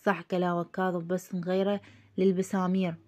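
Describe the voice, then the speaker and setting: A man's voice: sits high, level tone, a little fast, darkish tone, lightly acted. A woman voicing a serious Iraqi man who asks pointed questions, in Iraqi Arabic.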